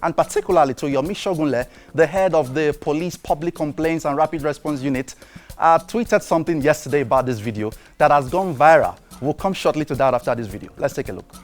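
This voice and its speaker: A man's voice: fairly high pitch, quick pace, soft background music. A Nigerian man hosting a TV news show, commenting on social media and reading tweets aloud with frequent fillers. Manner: conversational, many fillers, reads quotes aloud. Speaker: TV news host.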